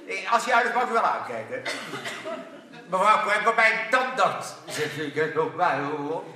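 A man telling a string of jokes to a live audience, acting out the characters in a lively way. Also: on the high side. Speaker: stand-up comedian. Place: theater stage with a live audience. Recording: echoey hall from far off.

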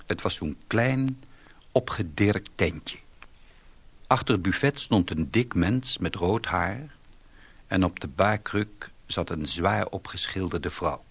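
A man reading a story aloud in a slow, deliberate, wry way. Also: sits low, husky, dry recording. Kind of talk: scripted story narration.

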